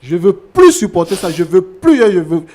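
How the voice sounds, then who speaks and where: A man's voice: high-pitched, big pitch swings, normal speed, darkish tone, a little hiss or hum. An actor playing a fed-up husband who wants to leave his wife, talking in an exasperated, insistent way. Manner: exasperated, insistent, repeats himself. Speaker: husband in a staged couple-counseling show.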